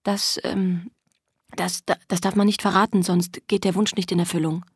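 A woman voicing a frightened young woman in an audiobook, stammering and speaking in a hushed, whispering voice. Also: on the low side, level tone, normal speed, husky, no room sound, studio quality. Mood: hesitant. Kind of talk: audiobook dialogue.

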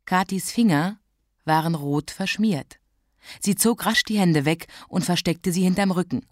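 A woman reads a children's story aloud with clear, expressive phrasing. Her voice sits slightly low. The recording is dry and close. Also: unhurried, no echo. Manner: clear, lively, expressive reading. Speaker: narrator.

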